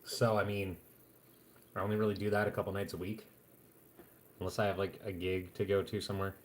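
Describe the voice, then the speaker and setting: A man's voice: sits low, level tone, fairly quick, a little hiss or hum. A man chatting casually to viewers on a live stream at home, rambling along with plenty of fillers and restarts.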